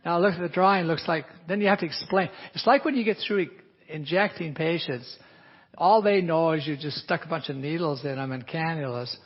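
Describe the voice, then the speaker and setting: Brisk and husky, with a slightly high pitch, an aesthetic physician marks up a patient in a live teaching session and lays out the treatment plan. He keeps qualifying things with "a little bit," and the audio is dull and lo-fi.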